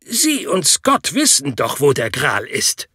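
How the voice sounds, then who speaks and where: A man voicing an impatient, grudging male professor, pitched higher than the narration, in an audiobook. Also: wildly swooping pitch, takes it slowly, bright, forceful tone, slightly rough, no echo, studio quality, full character voice. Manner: grudging and reluctant.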